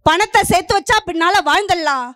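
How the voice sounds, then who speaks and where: A woman's voice: extremely high pitch, a little fast, bright, forceful tone, dry recording, clean studio sound. A middle-aged woman from Puducherry giving a stage debate speech, declaiming in rhythmic parallel lines and pressing her point. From Puducherry, India. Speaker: debate speaker.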